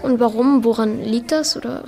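A woman's voice: on the high side, moderate pace, creaky, dark tone. A girl playing a slangy schoolboy. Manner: casual slangy schoolkid talk. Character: teenage schoolboy Peter, first mean then kind. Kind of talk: amateur school drama.

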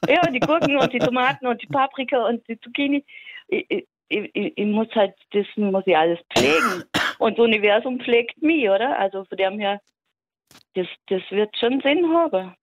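A woman calling in to a radio show, calm and easygoing, often restarting her sentences. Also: a little high, normal speed, a little hiss or hum. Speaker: caller. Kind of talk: casual phone-in chat. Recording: tinny phone line.

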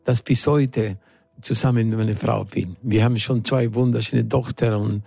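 A middle-aged man from Argentina with an Argentine Spanish accent, speaking German as a second language in a radio interview, halting and searching for words. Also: medium pitch, fairly even intonation, creaky, a little mellow, slightly rough, no room sound. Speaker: singer, studio guest.

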